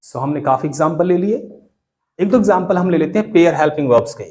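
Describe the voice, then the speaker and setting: A man's voice: on the high side, animated, fast, mellow. A middle-aged man with an Indian accent teaching English in a class, chatty and scolding with jokes. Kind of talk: classroom lecture.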